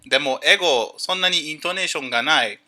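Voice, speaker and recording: A man chatting casually on a livestream, greeting viewers and explaining things haltingly with many fillers. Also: on the high side, bright, forceful tone. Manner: greets chat viewers by name.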